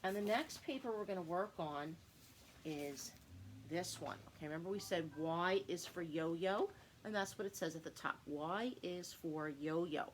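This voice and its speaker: A woman's voice: fairly low pitch, normal speed, slight background noise. A middle-aged woman leading a young children's lesson like a kids show host, asking simple questions and answering them herself. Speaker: preschool teacher. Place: living room at home.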